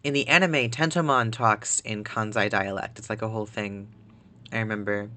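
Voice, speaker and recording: A man's voice: fairly low pitch, steady tone, normal speed, pushed and bright. A man streaming a video game live and chatting in a rambling way that is full of "like". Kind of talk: casual chat while gaming.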